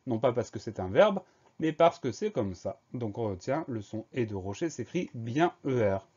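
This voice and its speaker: A man's voice: medium pitch, very animated, moderate pace, mellow, husky, dull audio. A man teaching a spelling lesson, explaining each word patiently and spelling it out letter by letter.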